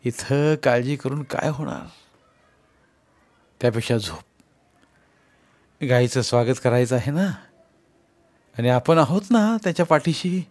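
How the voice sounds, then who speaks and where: Calm, teasing husband, read by a man. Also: mid-range voice, a little slow, long pauses, no echo, natural voice. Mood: soothing.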